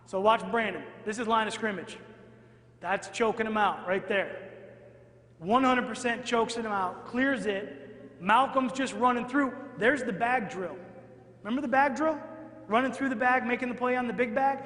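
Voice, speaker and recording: A man, a football coach, giving an energetic clinic talk to an audience and often asking "all right?" as he goes. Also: very high-pitched, moderate pace. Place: large hall at a clinic. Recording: echoey hall, long reverb.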